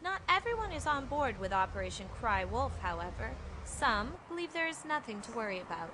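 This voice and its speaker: A woman's voice: on the high side, very animated, fairly quick, background noise. A woman playing an earnest parody news anchor and reporter, narrating with mock-serious drama. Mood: earnest dramatic.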